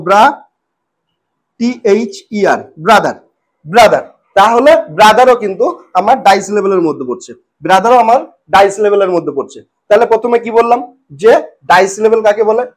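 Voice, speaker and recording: High-voiced man teaching a lesson. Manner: repeats words slowly and checks in often. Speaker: English teacher. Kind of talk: spoken lesson.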